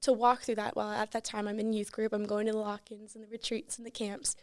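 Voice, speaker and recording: A woman's voice: mid-range voice, little pitch movement, fast talker, a little mellow, no room sound, studio quality. A teenage woman, a podcast guest, telling her personal story in a casual, earnest way with lots of fillers. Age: teens. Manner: earnest, frequent "like" and "you know". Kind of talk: casual chat, personal testimony.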